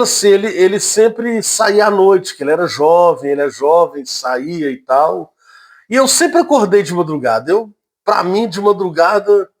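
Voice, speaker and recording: Man telling a spooky personal story. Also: fairly high pitch. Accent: Brazilian Portuguese. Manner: halting, repeats words, emphatic "ó" asides.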